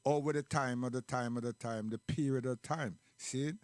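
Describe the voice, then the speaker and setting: A man's voice: medium pitch, moderate pace, no echo. A man with a Caribbean accent chatting casually in Rastafarian speech, emphatic and full of rhetorical questions. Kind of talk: casual chat and commentary.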